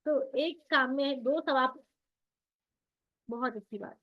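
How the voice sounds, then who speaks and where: A woman's voice: sits high, slow pace. A woman teaching Quran recitation rules in an online class, who explains patiently and asks and answers her own questions. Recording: dull lo-fi audio.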